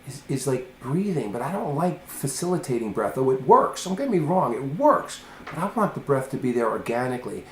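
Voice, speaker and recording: A man's voice: medium pitch, very animated, brisk, few pauses. A man coaching a younger woman in a casual conversation, earnest and emphatic, sometimes acting out quoted voices. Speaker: host, life coach. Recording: roomy, faint ambient noise.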